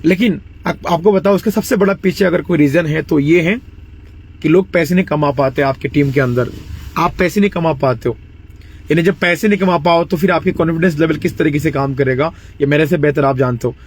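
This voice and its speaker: A man in his late twenties from India, delivering a persuasive motivational sales pitch for network marketing. He mixes English phrases into his talk, leans on fillers like "you know" and often clears his throat. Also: brisk, a little hiss or hum. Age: 20s.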